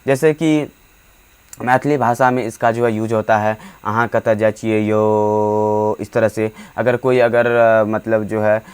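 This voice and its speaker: A man giving a Hindi grammar lesson for board exams, often pausing on fillers and restarts and stretching vowels out to show their length. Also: medium pitch, fairly even intonation, smooth. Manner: halting, many fillers and restarts; drawn-out demonstration vowels. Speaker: teacher.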